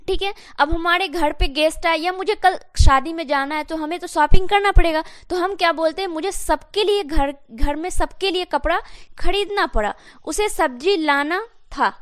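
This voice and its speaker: A woman teaching an English grammar lesson step by step, often calling her viewers guys and slowly dictating example sentences. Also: very high voice, a bit bright, dry recording, clean studio sound.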